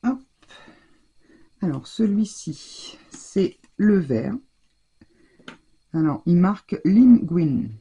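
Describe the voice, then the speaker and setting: A woman with a husky, gravelly voice talks her viewers through a hands-on craft demonstration. Her tone is very dark and mellow, and she chats loosely, restarting and trailing off as she works. The feel is relaxed and conversational. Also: lowish voice, drawn-out words, long pauses. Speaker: craft tutorial host.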